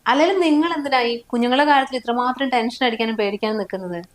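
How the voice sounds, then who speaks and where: A woman's voice: on the high side, expressive, racing. A woman acting a wife in a short drama, complaining and hurt in tone. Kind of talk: scripted drama dialogue.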